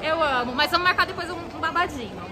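A woman, speaking through a face mask, chatting excitedly to her viewers while walking through a shopping mall. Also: sits high, quick pace. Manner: bubbly and gushing, keeps addressing viewers. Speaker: fashion vlogger. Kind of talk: casual vlog chat to viewers. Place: indoors in a busy shopping mall. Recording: loud mall crowd and music behind.

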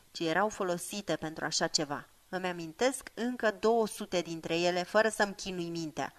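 A woman voicing a stern, short-tempered old male wizard who scolds and commands loudly. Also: fairly low pitch, lightly acted. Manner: commanding, scolding, slow chanted spells.

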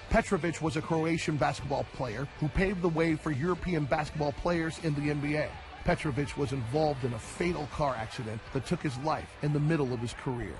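A man reading scripted documentary narration in a measured way. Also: fairly high pitch. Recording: music bed underneath.

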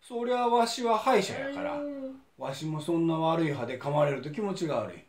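A man's voice: a little high, lively intonation, fairly quick, reverberant, natural voice. A man voicing a cheeky, chatty male dentist with a Kansai accent.

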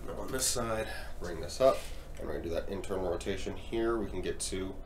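A man's voice: deep voice, a little fast. A man in his thirties talking as a chiropractor, giving clinical explanations during a hands-on exam. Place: small indoor treatment room. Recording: noisy room ambience.

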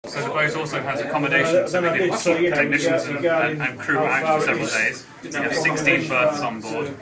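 A middle-aged man giving a guided tour in a calm, explanatory manner, like a museum guide. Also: a little high, fairly quick. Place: on board a boat, deck and cabins. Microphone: handheld camera a few feet away. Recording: distant mic, loud background chatter. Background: crowd chatter.

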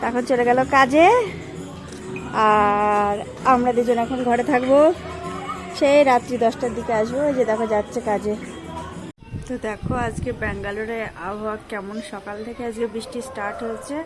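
A chatty young mother vlogging from her apartment with a slightly high voice, talking straight to viewers and cooing at her little son. Background music runs clearly under her phone-recorded voice. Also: fairly even intonation, moderate pace. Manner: chatty, addresses viewers directly, coos to her child. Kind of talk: casual home vlog chat. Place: apartment home during rain.

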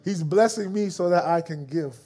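A male pastor giving a storytelling sermon in casual slang, acting out the people in his stories and dropping to a soft, slow voice for reflective moments. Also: fairly high pitch, slightly rough, soft background music.

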